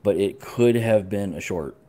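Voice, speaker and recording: A man's voice: on the low side, measured pace, over a noisy crowd. A man co-hosting a casual movie review chat, hedging his opinions with lots of "I mean". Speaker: podcast co-host.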